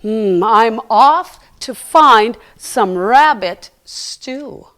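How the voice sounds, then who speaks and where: Hungry coyote in a kids' story, drawling, high and lively, a woman doing him. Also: drawn-out words, exaggerated voice. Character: hungry male coyote, casual and plain-spoken.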